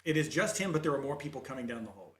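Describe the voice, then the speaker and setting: A man running a tabletop game as game master, talking in halting bursts full of fillers and restarts. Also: medium pitch, animated, fairly bright tone, roomy sound.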